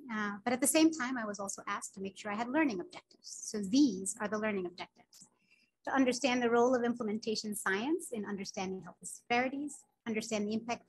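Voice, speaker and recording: A Sudanese woman whose first language is Arabic, a physician, gives an earnest grand rounds lecture over a video call, telling personal stories with many filler words. Her voice is fairly high and a bit bright, and the audio is poor.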